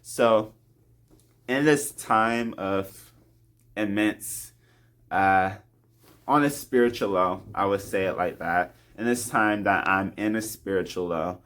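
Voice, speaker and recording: Talking to the camera about his faith, a man is sincere and candid in this devotional confession. He has a lowish voice and laughs softly between ideas.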